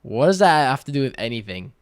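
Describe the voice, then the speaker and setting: A twenty-year-old man livestreaming, reading viewer questions aloud and answering in relaxed, slangy chat full of fillers. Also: mid-range voice, quick pace, dry recording, studio quality. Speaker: day-trading livestreamer.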